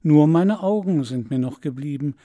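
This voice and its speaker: A man's voice: moderate pace, natural voice. A man reading a sorrowful prince statue. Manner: soft, low and tender. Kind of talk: audiobook fairy-tale reading.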